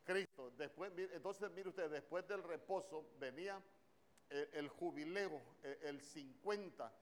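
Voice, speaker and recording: Fervent male preacher, rising pitch. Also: measured pace, slight background noise. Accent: Honduran Spanish. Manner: animated, questioning the congregation. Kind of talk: sermon. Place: church.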